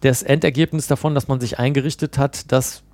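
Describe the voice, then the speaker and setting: A man's voice: mid-range voice, fairly even intonation, a little fast, darkish tone, no echo. A man talking in a casual podcast conversation, telling anecdotes with frequent fillers and restarts. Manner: chatty, storytelling with many fillers. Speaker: podcast guest.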